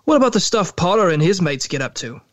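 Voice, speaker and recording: A man's voice: high-pitched, expressive, normal speed, no echo, lo-fi sound, voice pushed up. A man reading aloud and voicing a bitter, resentful teenage schoolboy who speaks defensively and sputters.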